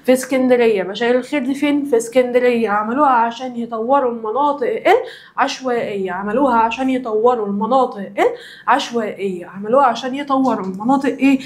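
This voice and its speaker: Fast-talking Egyptian woman teacher drilling answers. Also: on the high side. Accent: Egyptian Arabic. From Alexandria, Egypt. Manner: drills answers by asking the same question over and over. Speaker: social studies teacher. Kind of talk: recorded classroom lesson for children.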